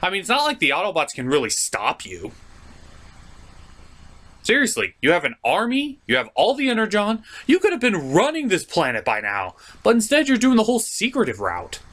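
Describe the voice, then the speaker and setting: His high-pitched, fairly bright voice swoops wildly in pitch at a moderate pace as he hosts a cartoon review show. The scripted commentary is comedic, opinionated and informal, delivered with exaggerated emphasis.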